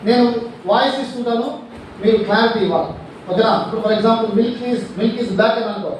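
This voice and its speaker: High-voiced man calling out to schoolchildren. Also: brisk. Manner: animated, calls out commands for a game. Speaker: psychologist. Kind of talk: motivational session with schoolchildren. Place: school gathering. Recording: distant, echoey, children and noise behind.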